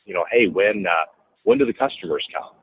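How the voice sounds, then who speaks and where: Speaking low, fairly quickly and a bit breathily, a real estate businessman shares a story as an interview guest in a casual setting. He animatedly acts out others' words at a higher volume, and the tinny, phone-like recording carries no room sound.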